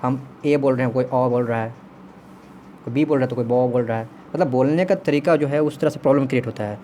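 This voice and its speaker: Man teaching literary theory, dark voice. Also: mid-range voice, slight background noise. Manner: reads English passages slowly, then explains in fast Hindi; frequent check-ins and self-corrections. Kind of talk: explaining literary theory to students.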